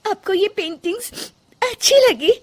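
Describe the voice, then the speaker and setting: A woman's voice: very high-pitched, animated, unhurried. A woman voicing a young, frustrated new bride in a cartoon story, speaking emotionally and close to tears. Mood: hopeful. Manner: emotional, tearful. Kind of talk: Hindi cartoon story voice acting.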